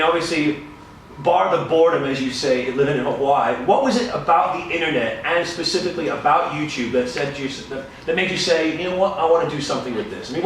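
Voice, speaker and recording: A man's voice: a little high, a bit bright, distant mic, a little hiss or hum. Upbeat male host in an echoey hall. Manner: upbeat, wordy, presenter-like. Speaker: event host interviewer. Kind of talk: hosting a live interview to a room audience. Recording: echoey room mic heard from afar.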